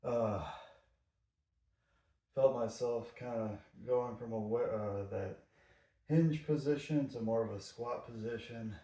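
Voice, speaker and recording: A man's voice: mid-range voice, fairly even intonation, slow pace, long pauses, warm tone. A man talking casually and conversationally in a rambling workout vlog. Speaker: workout vlogger. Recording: roomy echo, distant mic.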